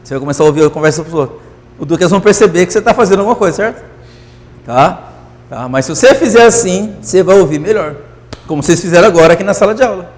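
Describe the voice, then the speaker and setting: A man teaching physics in a classroom lecture, euphoric and animated, constantly checking that students follow. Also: high-pitched, racing, big-room sound.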